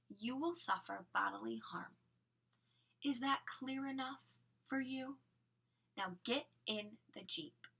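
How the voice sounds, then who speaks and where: A woman reading aloud and voicing a scheming male villain with a mocking, breathy half-whisper and slow menace. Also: on the high side, bright, forceful tone, full character voice. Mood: threatening.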